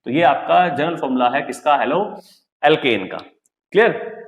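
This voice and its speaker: A young man teaching a chemistry lesson in a lively classroom style. He asks rhetorical questions, repeats key points, and mimics his students in a lower voice. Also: moderate pace, highs cut off. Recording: echoey room.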